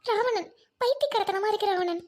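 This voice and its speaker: A woman's voice: very high voice, a little fast, a little mellow. A woman playing a grieving young widow, speaking in a sorrowful, pleading way as amateur drama acting.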